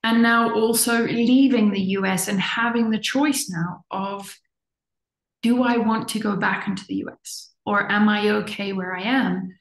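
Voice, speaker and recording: Speaking as an interview guest in an echoey room, a middle-aged woman who was born in the US but grew up in Zimbabwe reflects in earnest conversation, repeating words to stress them. Her voice is medium-pitched and creaky.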